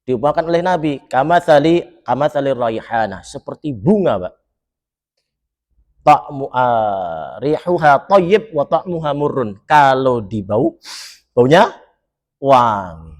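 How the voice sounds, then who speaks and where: A man from Solo, Central Java, delivers a lively mosque sermon at a slow pace in a medium-pitched voice. He jokes with the congregation, quizzes them, and recites Arabic phrases before explaining what they mean.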